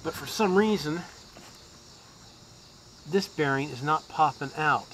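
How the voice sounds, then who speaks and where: Filmed on a head-mounted camera, a man does a casual do-it-yourself repair outdoors in a yard, talking through it with fillers and false starts. He speaks slowly in a fairly high, somewhat bright voice. Crickets and insects chirp, adding slight background noise.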